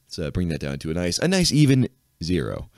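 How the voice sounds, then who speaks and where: A man's voice: low voice, wildly swooping pitch, fairly quick, a little mellow, no echo, clean studio sound. A man hosting a podcast in casual chat, rambling with many fillers and frequent laughs. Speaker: podcast host.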